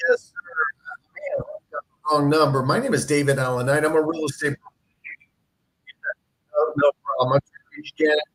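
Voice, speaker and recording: A man's voice: a little high, lively intonation, a little fast, long pauses, rough recording. A man working as a real estate broker, making polite, courteous cold calls on the phone. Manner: polite and courteous, sir and ma'am.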